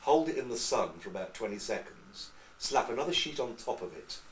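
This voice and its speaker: A man from England, an actor being interviewed, telling lively anecdotes and slipping into accents. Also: mid-range voice, brisk, a little hiss or hum. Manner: lively storyteller, slips into accents. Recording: echoey room, far from mic.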